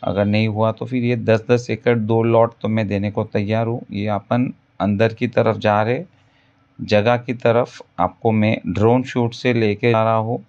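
Man pitching land in a voice-over. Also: level tone, a little slow, darkish tone, dull audio. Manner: pitchy, repetitive salesman patter. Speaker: land broker. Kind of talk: property sales voice-over. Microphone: voice-over over drone footage.

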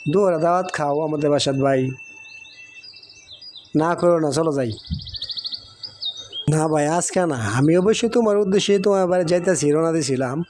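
A man doing an excitable village dad. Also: on the high side, brisk, pauses often, a little hiss or hum, lightly acted. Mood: friendly. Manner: loud, pleading, argumentative. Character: rustic middle-aged village father, excitable. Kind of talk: cartoon voice acting.

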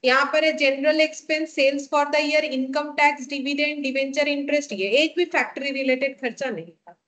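Indian woman teacher, high voice, slow dictation, asks and answers her own questions. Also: fairly even intonation, a bit bright. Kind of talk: step-by-step classroom lesson.

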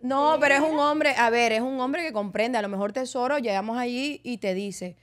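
A woman's voice: high voice, brisk. A married woman on a comedy podcast panel, teasing and talkative. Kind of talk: casual comedic chat.

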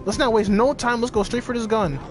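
A young man commentating a video game playthrough, excitable and profane, reacting loudly to the action. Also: extremely high pitch, fairly quick, music in the background. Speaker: gaming channel host. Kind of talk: casual let's-play commentary.

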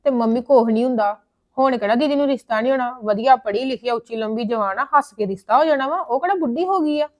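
A woman's voice: a little high, quick pace, darkish tone, lightly acted. A young woman playing a jealous younger sister who argues and complains to her mother. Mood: complaining. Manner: whiny, argumentative. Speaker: younger daughter.

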